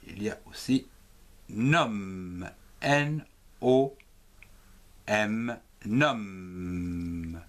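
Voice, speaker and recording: A man gives a reading lesson at a very slow, deliberate pace. He spells out each letter before blending it into a syllable. His pitch swings widely in a sing-song pattern that climbs on the letters and drops on the finished word. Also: a bit bright. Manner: slow, sing-song teacher voice, rising on letters and falling on words. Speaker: reading teacher.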